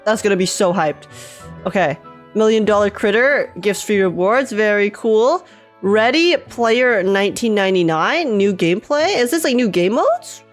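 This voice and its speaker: A woman live-streaming a game reaction in casual chat, chatty and excitable, repeating herself and laughing often, with a slightly stuffy nose from just waking up. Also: medium pitch, normal speed, soft background music. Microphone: desk microphone with webcam.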